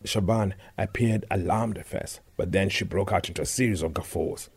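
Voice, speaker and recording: A man reading a story aloud in a measured, scripted narration. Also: deep voice, slightly rough.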